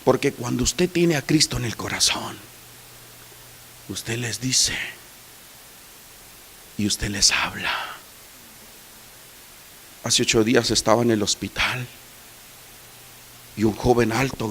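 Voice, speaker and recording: A male pastor preaching a sermon, swinging from soft asides to loud shouted peaks. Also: medium pitch, creaky, a little hiss or hum.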